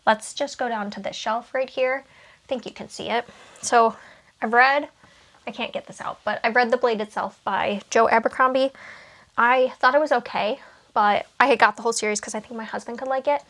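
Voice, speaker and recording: A young woman talks casually through her bookshelves at home, rambling with asides and fillers. She sounds a little out of breath at times, as in a relaxed home vlog. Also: a little high, moderate pace. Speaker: booktuber.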